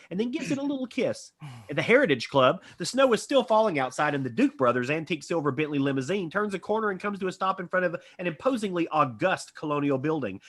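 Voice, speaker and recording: A man's voice: a little high, fairly bright tone. A man reading stage directions as narrator in a scripted reading.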